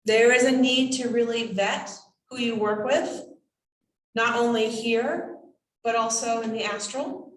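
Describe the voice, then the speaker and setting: A woman as a seance medium channels a cryptic spirit guide. The pronouncements come slowly, in short halting phrases, in a fairly high female voice. The sound is roomy and picked up from a distance. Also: lightly acted. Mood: measured, cryptic. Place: indoors, draped room. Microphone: distant camera microphone. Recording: roomy echo, distant microphone.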